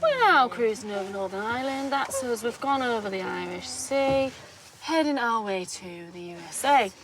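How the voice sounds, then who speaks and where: A woman's voice: a little high, very animated, moderate pace, crowd noise, low-quality recording. A woman doing a playful impression of an airline pilot giving a cabin announcement, in a mock-formal announcer tone. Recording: loud vehicle engine noise.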